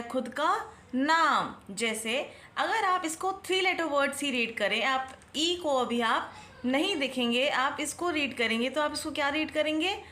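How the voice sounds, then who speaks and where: A young woman teaches phonics to small children, stretching each letter sound slowly and clearly. Her voice is high and bright. The recording has a roomy echo. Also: slight background noise.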